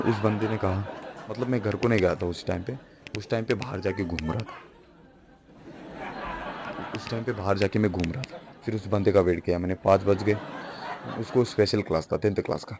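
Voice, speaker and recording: Rambling teenage guy doing stand-up. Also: on the low side. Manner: rambling, self-correcting, chuckles through lines. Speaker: stand-up comedian. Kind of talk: first-time stand-up storytelling. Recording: noisy live room with audience.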